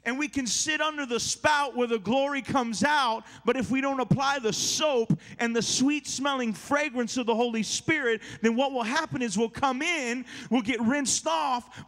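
High-voiced animated preacher in a reverberant church. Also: male voice. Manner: animated, jokey preaching with acted-out quotes. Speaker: youth pastor. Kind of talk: sermon. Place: large church hall. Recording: church hall with long reverb.

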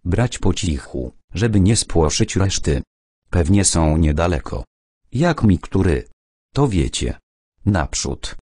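A man's voice: deep voice, sing-song, takes it slowly, darkish tone, breathy edge, no room sound, studio quality, heavily acted. A man voicing a harsh army sergeant who gives curt, crude orders during a night raid in an audiobook. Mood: stern, hushed. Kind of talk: audiobook character voice.

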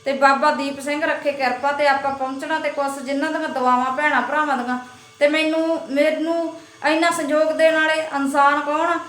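A woman's voice: high voice, little pitch movement, brisk, a bit bright, echoey room. A woman vlogger with a Malwai Punjabi accent, talking to camera in a heartfelt, thankful way and repeating herself. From Punjab, India. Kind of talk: casual talk to camera.

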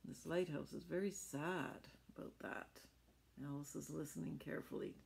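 Speaking at normal speed with a steady tone, a middle-aged woman reads a picture book to children in a low-pitched, gravelly, darkish voice. She adds chatty explanations and little questions, in a small furnished room at home with slight background noise.

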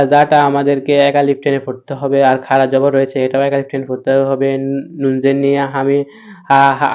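A man teaching a recitation lesson, spelling out letters one by one and then chanting the verses slowly. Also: medium pitch, mellow, smooth, highs cut off. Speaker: Quran reading teacher.

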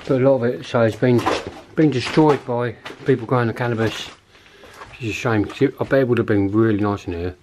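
A man with a mid-range, fairly quick voice gives chatty, offhand walkthrough commentary while exploring an abandoned pub, thinking aloud as an urban explorer vlogger. It's recorded on a handheld camera mic as he walks, with a noisy background.

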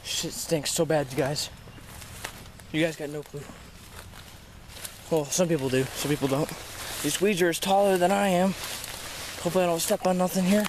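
Guy doing a casual sweary nature vlog outside, voice a bit high, some noise on the camera mic. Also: level tone, normal speed, long pauses. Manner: informal, exclamatory, sweary, addresses viewers as "you guys". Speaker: host of amateur snake-catching vlog. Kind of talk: casual outdoor wildlife vlog chat. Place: outdoors by a creek in weedy woods. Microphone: handheld camera held by the speaker. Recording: noisy outdoor handheld camera audio.

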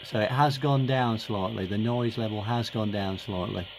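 Indoors at his home workbench and radio desk, a middle-aged man hosting a hobby radio video demonstrates something casually, thinking aloud informally and hesitantly. He speaks at a normal speed in a low-leaning voice. Radio static, ambient noise, room noise, and clear hiss run underneath.

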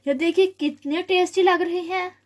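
A young woman hosting a home cooking video, calmly explaining each step with frequent pauses and fillers, recorded on a phone in her kitchen. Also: extremely high pitch. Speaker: cooking channel host. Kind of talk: home cooking tutorial narration.

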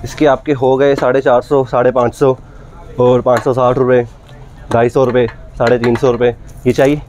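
A man plays a pushy shopkeeper in a prank. He talks in a mid-pitched voice, insistent and accusing as he haggles over a bill. It is recorded in a shop. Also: little pitch movement, moderate pace, darkish tone. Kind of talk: hidden-camera prank, accusing a customer. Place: cosmetics shop, indoors.

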